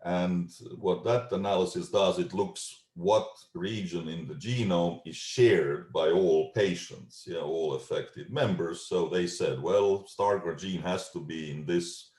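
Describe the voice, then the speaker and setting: A middle-aged man with an Estonian accent giving a scientific talk over a video call, measured and full of ums and uhs. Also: low voice, a little mellow. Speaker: genetics researcher giving a talk. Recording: echoey room.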